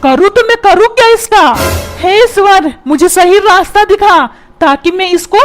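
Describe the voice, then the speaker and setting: A hot-headed cartoon father who rants and threatens, in a squeaky, shrill voice, as a woman puts him on. He talks over loud background music. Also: moderate pace. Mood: ranting. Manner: scolding, shouting threats. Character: short-tempered middle-aged father, blustering and threatening. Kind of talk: comic cartoon dubbing. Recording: music playing loudly underneath.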